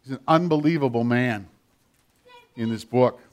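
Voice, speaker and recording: An older man preaches a sermon that includes a children's message, telling stories animatedly in a big voice. He speaks at a normal speed in a mid-range voice.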